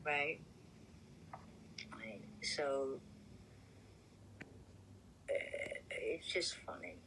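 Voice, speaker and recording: An older caller in their seventies from the New York City area, with a faint New York accent, chats casually on the phone in a rambling, amused way. The medium-pitched voice is pushed and bright with lively intonation, spoken extremely slowly, and there's a little hiss or hum on the line.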